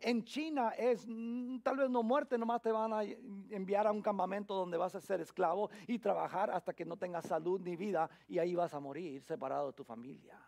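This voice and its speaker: A middle-aged man preaching a sermon, swinging from loud emphasis to a hushed near-whisper, with frequent restarts and repeated words. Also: high-pitched, steady tone, normal speed, creaky, hardly any pauses. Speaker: pastor.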